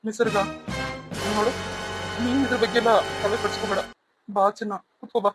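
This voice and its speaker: A man voicing a gentle, loving young husband in a cartoon serial, soft and soothing. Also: high-pitched, fairly even intonation, brisk, over loud music, natural voice. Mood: tender. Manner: tender, soothing.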